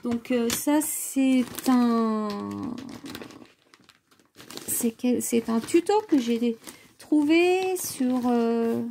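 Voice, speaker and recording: Woman chatting thru a craft tutorial, slow and halting, lots of ums, kinda gravelly. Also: on the high side, dark tone, slight background noise. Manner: hesitant, full of filler sounds and restarts; talks to viewers while working with her hands. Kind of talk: casual thinking-aloud craft tutorial.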